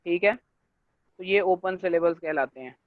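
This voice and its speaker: A male lecturer gives an online class, explaining step by step, checking in with students and filling pauses with stock phrases. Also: sits high, no room sound. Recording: dry, tinny phone-like line.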